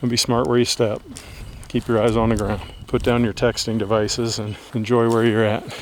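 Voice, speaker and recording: A man talks casually to his camera while out on open grassland, easygoing and chatty with dry little asides. His voice sits at a middle pitch. Steady outdoor noise runs under the camera audio. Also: normal speed. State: out of breath at elevation. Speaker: fishing vlogger. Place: outdoors on grasslands and creek trails.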